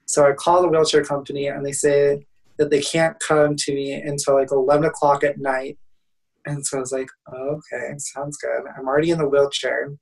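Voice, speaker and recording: A man's voice: a little high, little pitch movement, fairly quick, far from the mic, poor audio. A young man in his twenties, a motivational speaker guest, telling a funny story in a casual, laughing way.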